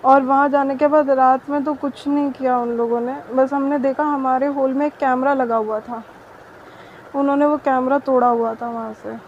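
A woman's voice: sits high, little pitch movement, normal speed. A young woman giving an earnest, detailed account in a news interview. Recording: dull muffled audio with faint noise.

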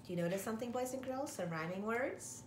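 Fast and expressive, with a voice on the high side, a middle-aged woman reads a picture book to young kids much as a teacher would address a class. Her living room at home is the setting, and the camera or phone nearby produces a roomy recording with a trace of noise.

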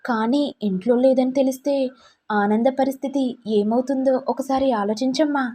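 A coarse middle-aged mother egging on her daughter's plots, as a woman storyteller puts her on. The voice is fairly high and soft, with a husky edge. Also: normal speed. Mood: conspiring. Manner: coarse, conspiratorial. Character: scheming older village mother, coarse.

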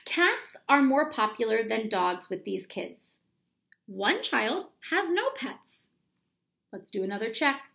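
This elementary school teacher's voice sits on the high side, creaky and sharp, with big swings in pitch, and she takes her time. Reading aloud to children in a small room at home, she explains things one step at a time and puts questions to them.

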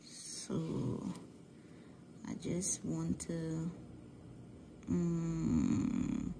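Against a noisy background, a woman from Guyana narrates a nail art tutorial in a casual voice-over. She has a low voice and a mixed Guyanese-Trinidadian accent, and her relaxed, stop-and-start delivery is heavy on fillers, frequently dipping to a near whisper.

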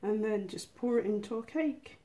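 A woman with a dark, mid-range voice hosts a miniature cooking channel, running a casual home cooking tutorial at a normal speed. She explains each step in an informal, chatty manner.

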